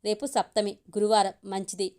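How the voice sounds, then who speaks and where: A woman voicing a tactful, witty wife who speaks softly and persuasively. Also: mid-range voice, level tone, a little fast, lightly acted. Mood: gentle. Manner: soft, persuasive.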